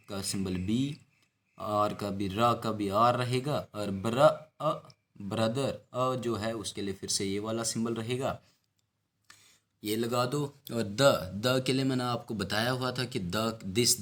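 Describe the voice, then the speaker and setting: Low-voiced man teaching phonetics. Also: a bit bright. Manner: explains slowly, repeats and stretches example words. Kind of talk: phonetics lesson.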